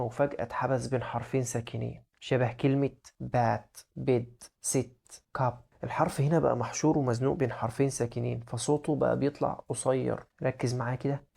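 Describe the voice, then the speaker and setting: A man with an Egyptian Arabic accent delivers a scripted pronunciation lesson in a storytelling way. His voice has a gravelly, creaky edge and a mellow, dark timbre. He talks at a brisk clip. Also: medium pitch. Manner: dramatic storytelling teacher. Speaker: English teacher.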